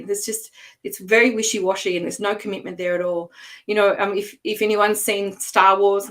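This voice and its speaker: A woman's voice: medium pitch, fairly bright tone. An Australian woman speaks as a coach at an online event, drawing on her years as a teacher. Her delivery is chatty and loose, full of "you know" fillers, and she sounds as if she is on a video call.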